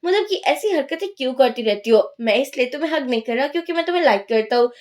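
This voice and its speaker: A woman's voice: sits high, lively intonation, fast talker, a little mellow. A woman voicing an exasperated young male police officer who scolds constantly.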